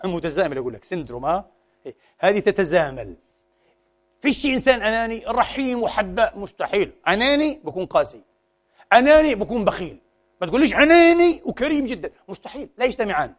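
A man preaching a sermon, switching between formal in a lively, animated manner. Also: high-pitched. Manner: animated, mixes formal Arabic with colloquial dialect, acts out quoted voices.

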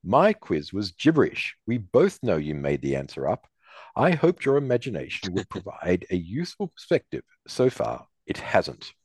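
A man's voice: lowish voice, big pitch swings, normal speed, darkish tone, slightly rough, no room sound, full character voice. A man doing a smug boy genius. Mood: condescending. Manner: condescending, curt.

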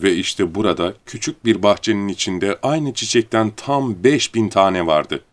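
Man reading a storybook aloud, calm and even, lowish voice. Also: normal speed. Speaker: audiobook narrator. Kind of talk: scripted storybook narration.

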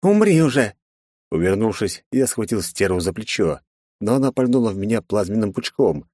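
A man with a fairly low voice reads first-person action narration in a brisk, terse manner. The recording is dry and close, with no room echo. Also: a little mellow. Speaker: audiobook narrator.

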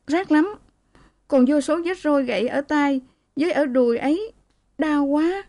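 Woman doing a tearful young wife, pleading, higher pitch, mellow tone, dry recording. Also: a little slow, natural voice. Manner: raised, pleading, tearful delivery. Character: young married woman, beaten, tearful and aggrieved.

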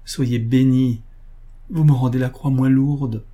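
A man voicing a noble young countess, grave and self-sacrificing, speaking in an earnest, measured, solemn way. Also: mid-range voice, steady tone, mellow. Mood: fervent.

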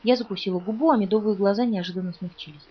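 A woman reading a novel aloud in the first person, with brisk, even storytelling. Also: mid-range voice, slightly rough, highs cut off. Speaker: audiobook reader.

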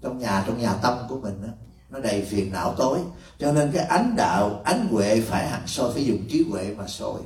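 A man's voice: fairly low pitch, sing-song, normal speed, a little mellow. A man, a monk, teaching disciples in a folksy, teasing way and acting out little dialogues. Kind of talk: dharma talk to disciples. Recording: echoey room from far off.

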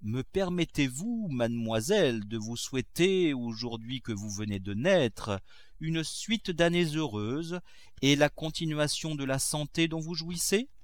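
A man's voice: fairly high pitch, lively intonation, measured pace, dry recording, pitched above the performer's own voice. A man doing a stiff, sententious magistrate. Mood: gallant. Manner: sententious, formal. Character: stiff, gallant provincial magistrate, courting.

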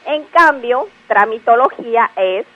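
A woman patiently explaining word usage on a radio language segment, spelling out examples slowly. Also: on the high side, expressive, bright, forceful tone. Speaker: language expert guest. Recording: phone-like radio line.

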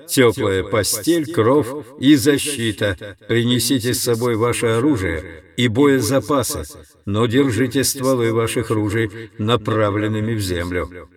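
A man reading an audiobook, putting on a slow, sing-song, preacher-like voice that calls out over distant loudspeakers. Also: mid-range voice. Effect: distant loudspeaker broadcast.

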